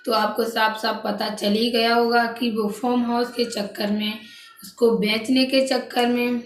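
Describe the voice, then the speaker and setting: A woman's voice: on the high side, flat delivery, a little slow. A woman vlogger narrating family gossip in a casual, chatty way to her viewers, often saying "guys" and restarting her sentences. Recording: echoey room, distant mic, faint background noise.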